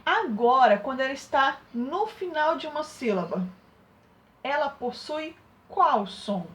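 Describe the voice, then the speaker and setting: A woman's voice: high voice, expressive, a little slow. A woman teaching young children a remote lesson, sing-song and coaxing, with many check-in questions to her pupils. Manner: sing-song, coaxing questions, exaggerated loud demonstration of sounds. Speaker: primary school teacher.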